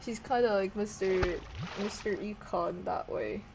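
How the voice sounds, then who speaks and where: Short on sleep, a woman rambles casually through a vlog, cursing often and hopping between topics. Her mid-range voice moves a little slowly, and the audio is dull with a noisy hiss behind it.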